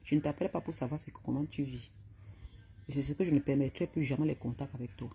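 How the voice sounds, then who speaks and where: Cameroonian lady ranting mad, gravelly husky voice, dark tone, scolds and insults nonstop. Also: extremely low pitch, quick pace. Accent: Cameroonian French. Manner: heated, scolding, insulting tirade. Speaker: vlogger. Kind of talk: angry rant to camera.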